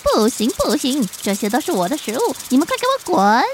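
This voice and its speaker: Woman voicing a squeaky greedy storybook cockroach. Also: huge pitch swings, fairly quick, noisy background, heavily acted. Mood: annoyed, selfish. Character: greedy, selfish male cockroach in a children's story.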